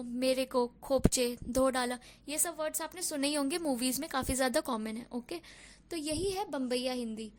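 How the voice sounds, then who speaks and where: A young woman teaching a language lesson, explaining step by step and often checking in with short asides. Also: high voice. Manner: mixes English words into Hindi, checks in with "ok" and "theek hai".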